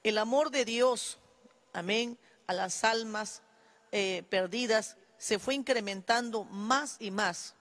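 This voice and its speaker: Host of a faith show, measured and unhurried questioning. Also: medium pitch, a bit bright. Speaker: interviewer. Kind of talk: religious program interview.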